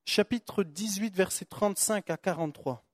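A man's voice: high-pitched, normal speed, no echo, clean studio sound. A young man preaching a sermon, fervent, repeating phrases for emphasis and stumbling on words. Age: young adult.

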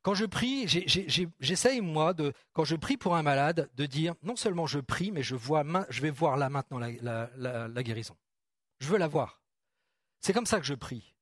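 A middle-aged man preaching a sermon in a church hall, animated and asking the congregation questions directly. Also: a little high, moderate pace, studio quality.

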